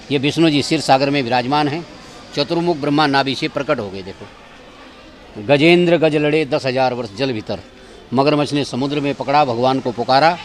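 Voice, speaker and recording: A man's voice: medium pitch, slight background noise. A man giving a guided tour of temple grounds outdoors, directive as he keeps pointing things out to his visitors.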